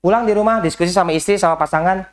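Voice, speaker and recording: A man's voice: sits high, rapid-fire. A man giving a motivational business coaching talk to a group indoors, speaking straight to them with rhetorical questions and slipping English business phrases into his talk. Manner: lively, talks straight to the audience with rhetorical questions. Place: indoor session in a house.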